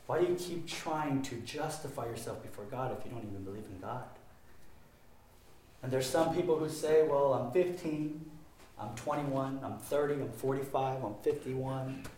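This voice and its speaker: A man preaching a sermon with passion, his voice swinging between loud emphatic stretches and quieter ones. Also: medium pitch, slight background noise. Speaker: pastor. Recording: very echoey room.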